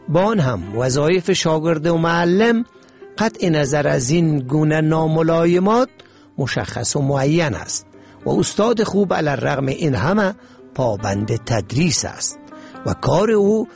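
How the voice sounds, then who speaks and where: A man's voice: on the high side, darkish tone. Afghan dari guy hosting a radio show, formal reading, faint music behind. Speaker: radio magazine presenter. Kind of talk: scripted radio narration.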